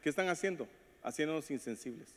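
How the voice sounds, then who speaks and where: A man delivers a sermon as pastor, his fairly high voice ringing through a hall with long reverb. He speaks directly to the congregation and acts out the voices of the people in his stories. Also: expressive, quick pace, fairly bright tone. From Latin America. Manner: preaches with acted quotes and call-outs to the congregation. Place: church sanctuary.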